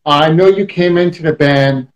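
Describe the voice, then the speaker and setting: Chatty New York host, a bit high. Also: male voice, normal speed, muffled recording. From Queens, New York. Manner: chatty, joking, animated. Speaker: talk show host. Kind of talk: casual interview chat. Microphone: video call.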